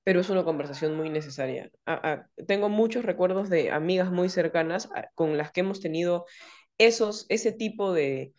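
Speaking at an ordinary pace, this woman has a fairly low voice, and the recording is lo-fi. She's a therapist on a casual podcast, explaining concepts and frequently performing quoted lines in animated voices.

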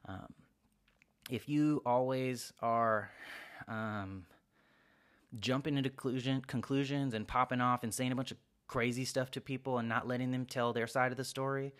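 A man's voice: medium pitch, fairly even intonation, moderate pace, a bit bright, smooth. A young man hosting a podcast, rambling through casual self-help advice and acting out short quoted exchanges in a raised voice. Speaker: podcast host.

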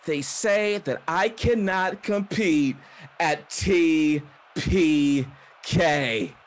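A man voicing a proud, furious woman wrestler who calls herself a warrior goddess, shouting indignantly. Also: on the high side, drawn-out words, voice pushed up. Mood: wounded.

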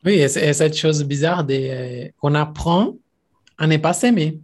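A speaker in a casual conversation, musing in a soft-spoken way. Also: mid-range voice, lively intonation, a little slow.

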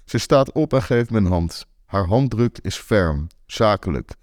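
A young man telling a first-person story in a wry, deadpan way. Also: on the low side, unhurried, no echo, clean studio sound. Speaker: author and narrator.

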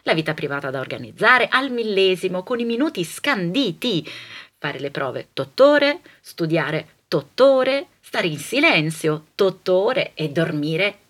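Theatrical woman with a very lively voice. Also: measured pace. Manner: theatrical, ironic, lively swings in pitch and loudness. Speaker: soprano, comic monologist. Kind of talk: comic stage monologue.

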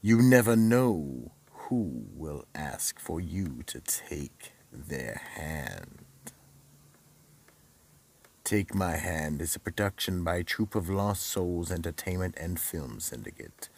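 Horror host, psychotic storyteller, very slow, swooping pitch, raspy, menacing, theatrical audio drama narration. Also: male voice, very animated, darkish tone, exaggerated voice. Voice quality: gravelly, raspy. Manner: menacing, drawn-out delivery. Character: psychotic horror host, sinister keeper of the vault.

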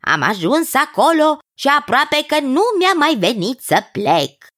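A woman voicing a cheerful, food-loving male cousin who gushes with drawn-out praise over a cook's dishes. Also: high-pitched, big pitch swings, a bit bright, dry recording, clean studio sound, pitched above the performer's own voice. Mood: enthusiastic.

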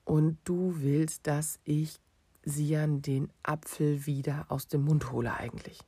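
Man doing a loud hurried dad, husky and gravelly, insistent, storybook father. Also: a little high, no echo, exaggerated voice. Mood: probing. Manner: loud, insistent, calm explaining under time pressure.

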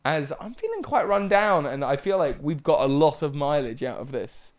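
A man's voice: on the high side, big pitch swings, normal speed. A tired man co-hosting a live podcast, talking casually and yawning now and then. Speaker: podcast co-host.

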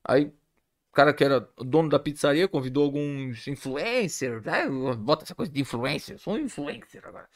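A man, a podcast guest telling stories in casual chat, animated, laughing often and swearing. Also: on the high side, brisk.

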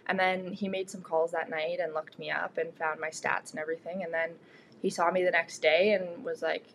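A woman's voice: fairly low pitch, little pitch movement, moderate pace, slight background noise, rough recording. A young woman with a Canadian accent, a student athlete answering interview questions casually as a guest. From Ontario, Canada. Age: young adult.

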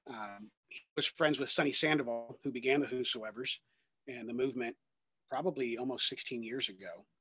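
A man's voice: medium pitch, brisk, a bit bright, slightly rough, no room sound. A man in his thirties, a ministry worker and guest, talking earnestly in a rambling way with many fillers and restarts. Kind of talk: conversational testimony.

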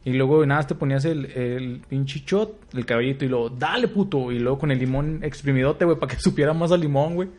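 A man's voice: medium pitch, quick pace, few pauses, a little mellow. Mexican man telling a story, laughing. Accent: Mexican Spanish. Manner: slangy, laughs often, acts out quotes. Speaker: podcast co-host. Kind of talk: casual chat.

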